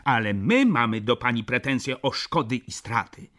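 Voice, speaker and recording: A man's voice: medium pitch, expressive, moderate pace, fairly bright tone, voice pushed up, close to an everyday voice. A man reading an audiobook, voicing a smug young male student who speaks with sweet, mocking politeness. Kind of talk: audiobook character voice.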